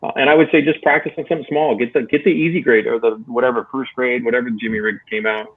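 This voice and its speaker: Over a thin, phone-like channel, a contest judge talks casually and fast in a medium-pitched voice with fairly even intonation. He offers spoken critique and advice, explaining technique in a conversational, encouraging way.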